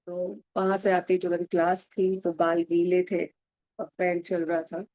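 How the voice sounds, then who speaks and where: A woman with a cold, gently leading a mirror affirmation practice and repeating loving phrases in a mix of Hindi and English. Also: fairly low pitch, monotone, a little slow, no room sound, highs cut off. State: has a cold. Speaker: self-love practice guide.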